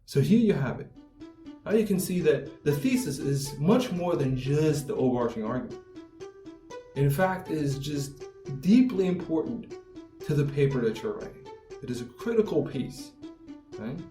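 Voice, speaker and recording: A man's voice: a little high, animated, normal speed, warm tone. A man teaching academic writing, explaining step by step over slides and often checking in with "right?". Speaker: writing instructor. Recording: roomy echo, mic at a distance, faint music.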